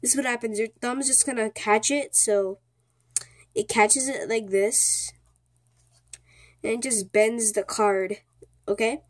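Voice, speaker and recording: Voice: mid-range voice, fairly even intonation, unhurried, pauses often. A speaker giving a casual, step-by-step card trick tutorial in an informal, repetitive way, often checking in with the listener. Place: indoors at a small table.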